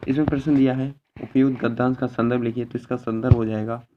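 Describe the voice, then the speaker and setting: A man's voice: medium pitch, flat delivery, quick pace. Man explaining exam answers step by step. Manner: explains step by step, repeats each answer and ends with a check word. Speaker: teacher. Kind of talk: exam paper walkthrough. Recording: slightly dull lo-fi recording with faint noise.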